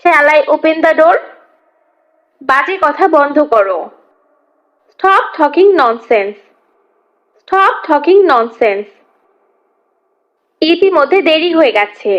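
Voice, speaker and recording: A woman teaching English, reading a phrase quickly and then repeating it slowly twice in a drill. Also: sits high, lively intonation, dull audio. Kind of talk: slow phrase-by-phrase language drill.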